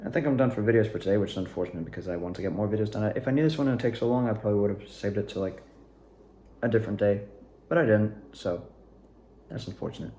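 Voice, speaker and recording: Speaking fast in a darkish, lowish voice, this young man, an amateur actor who makes videos, muses unscripted to his audience. He wanders hesitantly and lets sentences fade out, in an echoey room with slight hiss or hum.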